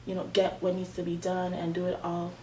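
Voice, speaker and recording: Fairly quick and monotone, her low, mellow voice leads a student group meeting. The woman, in her twenties, sounds earnest and prayerful and uses many fillers, recorded from a distance in an echoey room with background noise.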